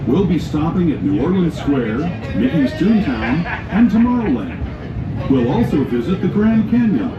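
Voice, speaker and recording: A man giving upbeat scripted tour narration, played over a train PA loudspeaker. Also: fairly high pitch, very animated, unhurried, over music. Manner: upbeat, playful storytelling. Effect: prerecorded narration over a train PA loudspeaker. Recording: echoey, distant, muffled PA with noise.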